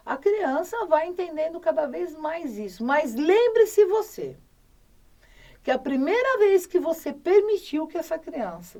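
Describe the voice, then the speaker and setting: A woman's voice: high-pitched, dark tone, far from the mic. A middle-aged woman doctor with a Brazilian Portuguese accent, giving firm, emphatic parenting advice in a casual talk and speaking straight to her listeners.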